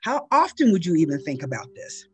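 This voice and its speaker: A woman's voice: fairly low pitch, big pitch swings, a little fast, darkish tone, breathy edge, no echo, faint music behind. A woman from the Pittsburgh area hosting a podcast interview, asking probing questions with frequent affirmations. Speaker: podcast host. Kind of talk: interview conversation.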